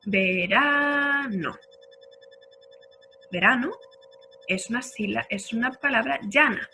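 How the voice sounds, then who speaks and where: Woman teacher explaining spelling rules slowly. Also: fairly high pitch, vocal fry, bright, forceful tone, soft background music, rough recording. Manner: slow, drawn-out example words for children; checks in with the listener often. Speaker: primary school teacher. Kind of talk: recorded grammar lesson.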